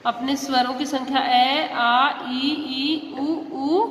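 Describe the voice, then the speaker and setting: A woman's voice: high voice, fairly even intonation, very slow, fairly bright tone, a little hiss or hum. A woman teacher giving a grammar lesson to children, patiently asking questions and answering them herself. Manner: addresses children directly. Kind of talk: classroom Hindi grammar lesson. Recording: echoey room with long reverb.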